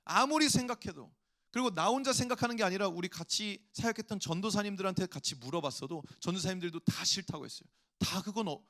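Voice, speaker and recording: A male pastor with a fairly bright, high-sitting voice preaches a sermon. He tells a personal story and acts out inner voices, then builds to emphatic appeals.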